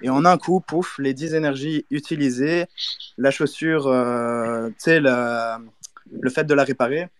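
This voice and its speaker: A man's voice: medium pitch, steady tone, a little slow, clean tone, dry recording. A man calling in to a chat, casually recounting his experience in short, piecemeal phrases. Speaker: caller. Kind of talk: casual account of a problem.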